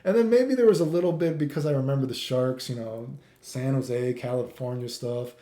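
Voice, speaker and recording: Mellow and mid-range at a moderate pace, a middle-aged Canadian gaming commentator launches into an improvised, opinionated rant. Exasperated and emphatic, he repeats himself, asks rhetorical questions and swears, all in an echoey, roomy recording.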